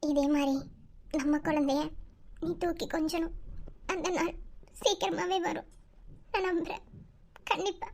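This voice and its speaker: A woman's voice: high-pitched, little pitch movement, unhurried, pauses often, dark tone, a little hiss or hum. A woman acting an affectionate, saddened young aunt in a drama. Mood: hopeful.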